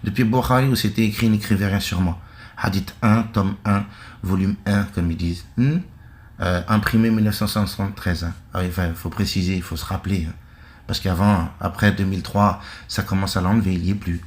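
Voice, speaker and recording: A man's voice: low-pitched, steady tone, fairly quick. A middle-aged man from France giving a blunt, rambling monologue with many asides. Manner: blunt, conversational, full of asides and restarts. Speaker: online religious commentator. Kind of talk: casual monologue.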